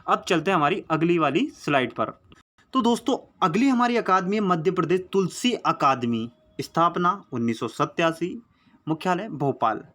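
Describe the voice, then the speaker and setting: Recorded on a phone, a man gives a casual, chatty Hindi lesson on exam memory tricks, coaxing his viewers, repeating his mnemonics over and over, and calling them friend. His voice is fairly high and a bit bright.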